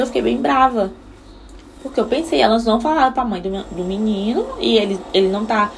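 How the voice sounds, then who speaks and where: A woman's voice: medium pitch, darkish tone, slight background noise, poor audio. A young mother tells a personal story in a casual way and acts out what she said to her son.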